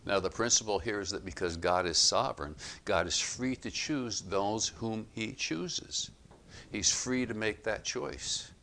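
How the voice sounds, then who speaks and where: A man giving expository Bible teaching, reading passages aloud and explaining them in a measured, emphatic way. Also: on the low side, bright, forceful tone, a little hiss or hum.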